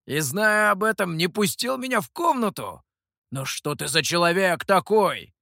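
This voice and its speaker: A man's voice: medium pitch, big pitch swings, normal speed, bright, forceful tone, no room sound. A man voicing a brash, playful male monkey demon who boasts and teases, read in a very dry, close sound. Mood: outraged. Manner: boastful and teasing.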